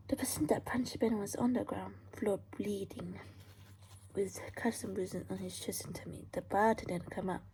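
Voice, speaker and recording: A woman reading her own story aloud in a hushed, breathy half-whisper, often stumbling and restarting lines. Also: medium pitch, slight background noise, poor audio.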